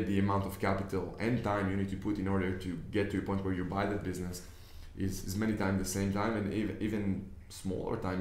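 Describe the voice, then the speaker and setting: Seated at an office desk, a young investor from Israel whose first language is Hebrew speaks casually to the camera in a low, somewhat mellow, mostly even voice. He makes his points with earnest conviction, often starting sentences over. His words echo noticeably in the room.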